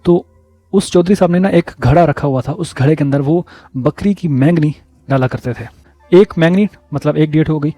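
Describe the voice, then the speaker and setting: A man telling personal stories in a casual vlog, relaxed and repeating words for emphasis. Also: on the high side, no room sound, faint music behind. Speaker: vlogger.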